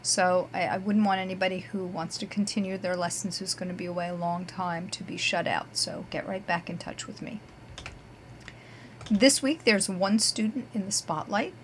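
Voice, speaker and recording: Chatty woman guitar teacher doing her podcast, upbeat and emphatic, mid pitch, bit of faint hiss behind. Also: normal speed. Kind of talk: casual scripted podcast segments.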